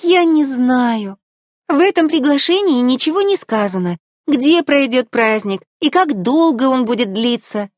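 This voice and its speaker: Storybook mermaid princess: young, cheerful and eager, her voice lifting high and lively, read by a woman. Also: unhurried, dry recording, clean studio sound. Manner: bright, eager and girlish.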